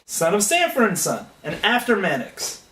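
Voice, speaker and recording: A man's voice: high-pitched, wildly swooping pitch, normal speed, pushed and bright, roomy sound, distant mic. A young man ranting sarcastically and comically about things he hates, griping with exasperation. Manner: exasperated, sarcastic griping with mocking put-on voices. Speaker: comedy sketch host ranting. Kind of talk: comedic rant monologue.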